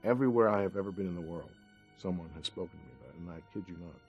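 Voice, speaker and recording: Brief: deep-voiced man, fast and husky, emphatic interview talk. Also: a little mellow, muffled recording, faint music behind. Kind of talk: documentary interview.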